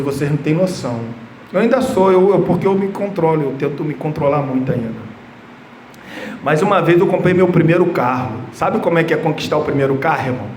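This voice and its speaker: Emphatic high-voiced Rio pastor preaching. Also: male voice, a little mellow. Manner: emphatic, repeats himself, tells personal stories. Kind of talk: expository sermon. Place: church hall. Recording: echoey church room, faint background noise.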